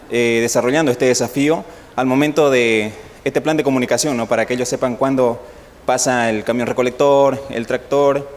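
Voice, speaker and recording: Hesitant man asking a question in a hall. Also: mid-range voice. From Bolivia. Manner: hesitant, many fillers and restarts. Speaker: audience member asking a question. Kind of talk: conference Q&A question. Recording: long hall reverb, faint ambience.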